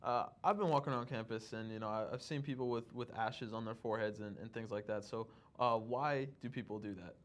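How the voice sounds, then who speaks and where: A man's voice: lowish voice, brisk, hardly any pauses. A man hosting a student talk show, asking questions in a jokey, casual way and laughing often. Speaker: host. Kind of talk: casual interview chat.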